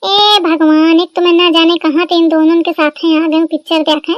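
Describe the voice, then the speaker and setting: A woman voicing a quarrelsome elder sister-in-law in a cartoon, with a sharp, bickering manner. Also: very high-pitched, little pitch movement, moderate pace, no echo, muffled recording.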